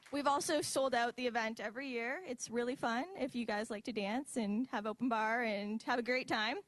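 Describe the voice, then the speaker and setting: A woman's voice: a little high, steady tone, normal speed. A woman in her twenties giving an earnest, heartfelt personal speech at a university symposium, with light asides. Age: 20s. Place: university event hall.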